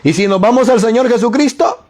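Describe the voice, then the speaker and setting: A man preaching a sermon in a slow, emphatic way, often asking rhetorical questions and answering them himself. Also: extremely high pitch, a little mellow.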